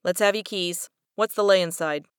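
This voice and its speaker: A woman's voice: on the low side, normal speed, clear, resonant tone, no room sound, studio quality, natural voice. A woman reading the lines of a callous, hard-boiled male detective with blunt, slangy talk.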